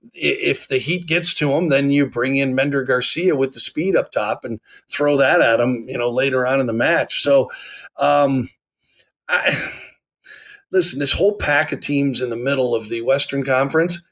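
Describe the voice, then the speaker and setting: A man's voice: medium pitch, moderate pace, fairly bright tone. An American man on a sports podcast panel, talking casually and conversationally about the game.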